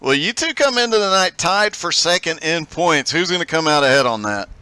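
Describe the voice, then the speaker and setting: Bright, crisp-voiced male race commentator. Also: on the high side, expressive, brisk, no echo. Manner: upbeat, laughs often, play-by-play. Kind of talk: live sim racing commentary.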